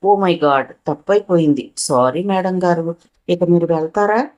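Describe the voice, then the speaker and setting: A woman's voice: fairly low pitch, normal speed, darkish tone, highs cut off, lightly acted. A woman voicing a young man who works as a driver, evasive and teasing in a dry way.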